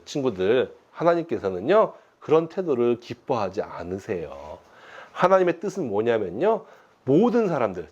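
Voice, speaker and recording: A pastor in his thirties tells a children's sermon from his home, with a bouncing, lively pitch that rises and falls as he tells the story. The recording sounds a little dull and lo-fi. He speaks to the children in a playful, animated way.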